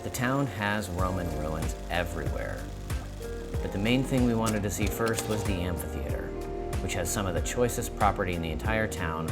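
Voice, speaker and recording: A man with a very low, deep voice narrates his travel vlog in a friendly, upbeat storytelling manner, slipping in light jokes at his own expense. Music plays clearly underneath his voice throughout. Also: normal speed. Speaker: host.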